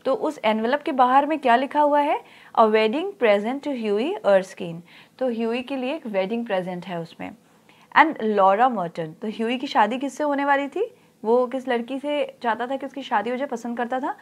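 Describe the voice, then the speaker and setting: A woman teacher explaining an English story in Hindi, reading the English lines slowly and then explaining them. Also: high-pitched.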